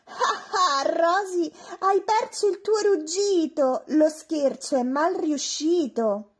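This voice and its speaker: A woman's voice: on the high side, big pitch swings, takes it slowly, breathy edge, heavily acted. A woman voicing a group of teasing young dinosaur friends from a children's storybook, in a singsong taunting chant. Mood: mocking.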